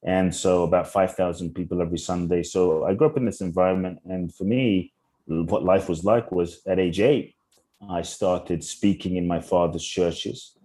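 A young adult man, a podcast guest from Ghana and London, telling his life story earnestly with slow, searching restarts. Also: low voice, steady tone, warm tone. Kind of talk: reflective interview storytelling.

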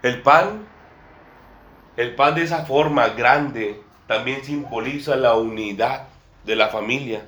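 A man's voice: medium pitch, slow pace, a bit bright. A man preaching a sermon to a small congregation, often repeating phrases and calling his listeners brother and sister. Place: church room with a table and a small congregation. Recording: echoey room.

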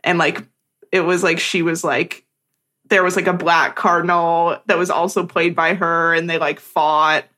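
Chatty young woman with a bright voice. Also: on the low side, little pitch movement, measured pace. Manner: chatty storyteller, heavy use of "like". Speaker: podcast co-host. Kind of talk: casual chat.

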